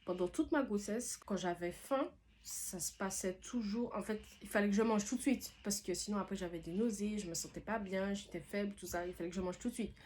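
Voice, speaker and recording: A woman's voice: medium pitch, fairly quick, slight background noise. Chatty young woman telling a story. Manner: chatty, lively, slangy retelling with quoted dialogue. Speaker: vlogger. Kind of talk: casual storytime vlog.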